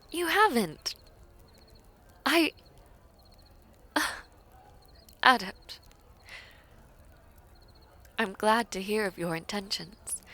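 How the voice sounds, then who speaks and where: In a romantic audio roleplay, a woman voices a devoted, teasing princess. Her mid-range voice is heavily acted, slow, formal and coy, often sinking into soft, breathy whispers.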